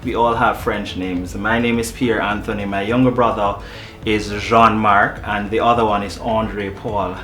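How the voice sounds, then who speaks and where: A man who works as a marketing manager, answering interview questions in a relaxed way, often repeating words as he starts a thought. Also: lowish voice. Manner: easygoing, halting with repeated words. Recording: echoey room with music behind.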